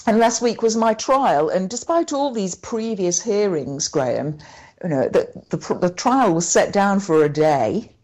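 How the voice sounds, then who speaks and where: A woman talking as a guest in an interview, recounting events in a halting way and often restarting her sentences. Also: mid-range voice, animated, darkish tone. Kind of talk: conversational interview.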